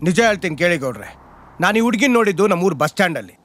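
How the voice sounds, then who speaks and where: A man's voice: sits high, very animated, racing, a little hiss or hum. An actor playing an earnest young schoolteacher from Karnataka who pleads his case before village elders. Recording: film soundtrack with loud music. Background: loud film music.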